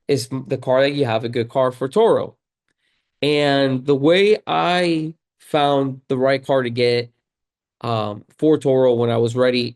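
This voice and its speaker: A video creator and car rental host talks casually to viewers in a tutorial, his voice slightly hoarse from a cold. The voice is mid-range and darkish, and he keeps things conversational, repeating key points for emphasis.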